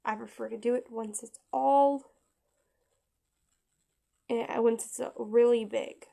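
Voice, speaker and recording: A woman giving a casual step-by-step craft tutorial, chatty and halting with frequent restarts. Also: on the high side, steady tone, vocal fry, warm tone.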